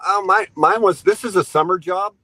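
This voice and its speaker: A man in his fifties rambles through his trucking stories, laughing as he goes and acting out the people he met. His voice sits a little high for a man. The sound is close and dry with no room in it. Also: moderate pace, bright, forceful tone, dry recording, rough recording. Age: 50s. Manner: rambling anecdotes, laughs often, acts out dialogue. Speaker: truck driver guest. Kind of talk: storytelling interview.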